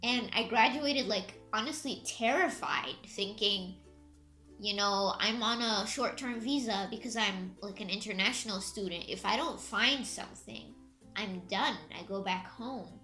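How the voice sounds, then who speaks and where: A woman's voice: medium pitch, unhurried, pushed and bright. A woman in her twenties from Egypt, chatting casually and upbeat on her vlog and laughing often. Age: 20s. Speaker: YouTuber. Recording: music faintly behind.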